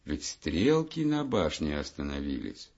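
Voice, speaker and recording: A man voicing a gentle, soothing mother figure in a children's fairy tale. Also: very deep voice, sing-song, measured pace, pitched below the performer's own voice, full character voice. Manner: soft, soothing, sighing. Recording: dull lo-fi audiobook recording.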